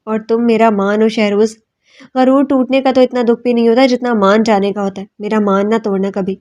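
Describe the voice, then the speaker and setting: A woman voicing a gentle elderly father giving loving advice to his children in a storybook reading. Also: fairly high pitch, steady tone, lightly acted. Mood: tender. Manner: soft, tender, advising.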